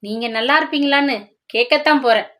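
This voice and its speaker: A woman's voice: sits high, fast, fairly bright tone. A woman voicing a protective elder brother. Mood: grieving angry. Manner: pleading, grieving, protective. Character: poor loving elder brother, middle-aged man, protective.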